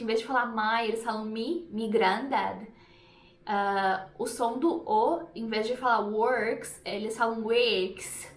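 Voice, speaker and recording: Woman, from Brazil, English teacher, chatty explanations, higher voice, echoey room. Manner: chatty explanatory, demonstrates pronunciations. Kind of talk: YouTube language lesson.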